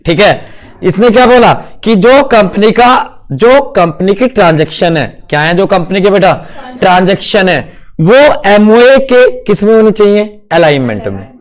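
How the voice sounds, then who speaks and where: A man's voice: high-pitched, animated, a little slow. A man teaching a class, playful and quizzing his students as he explains, mixing in English terms. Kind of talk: classroom lecture.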